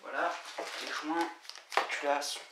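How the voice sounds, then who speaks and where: A man giving a casual, halting unboxing commentary, full of fillers and restarts. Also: on the high side, steady tone. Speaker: vlogger unboxing scooter parts. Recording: echoey room with loud noise and crinkling.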